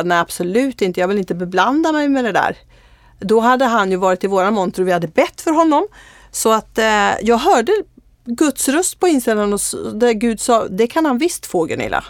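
A woman's voice: mid-range voice, animated, no room sound. Woman, earnest testimony, casual chat, frequent fillers, close dry recording.

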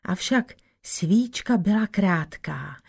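A woman reading a folk tale aloud in a measured storytelling manner, dropping to soft whispers now and then. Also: mid-range voice, animated, vocal fry, husky.

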